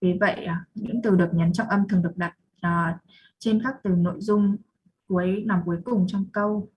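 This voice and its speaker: A woman's voice: medium pitch, fairly even intonation, moderate pace, lo-fi sound, slight background noise. A young woman with a Vietnamese accent giving a student presentation, reading definitions and then explaining them again. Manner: reads slide definitions then restates them.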